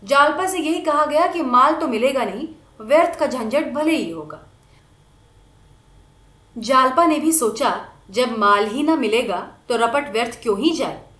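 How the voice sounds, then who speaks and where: A woman reading a novel aloud with expressive storytelling. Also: sits high, unhurried. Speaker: narrator. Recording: echoey room.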